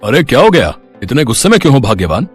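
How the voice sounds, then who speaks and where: A man's voice: mid-range voice, very animated, fast, soft background music, natural voice. A man voicing an easygoing middle-aged father with a jovial, teasing manner.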